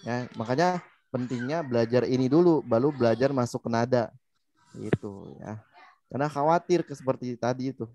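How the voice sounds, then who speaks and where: A man's voice: medium pitch, normal speed, dark tone, highs cut off. A man with an Indonesian accent teaching Quran recitation, patiently explaining and modeling sounds. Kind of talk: online tajwid lesson.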